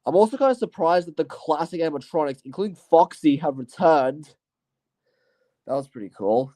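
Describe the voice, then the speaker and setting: Rambling man with a mellow, higher voice. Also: lively intonation, normal speed. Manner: rambling and hesitant, full of "you know" and "I guess". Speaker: channel host. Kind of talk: casual solo year-in-review talk.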